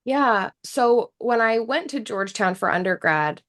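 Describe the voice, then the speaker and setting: Unhurried and animated, this woman's voice is a little high with a fairly bright tone. She is a thirty-something American guest in a relaxed interview, a native English speaker who reflects earnestly and keeps restarting her thoughts.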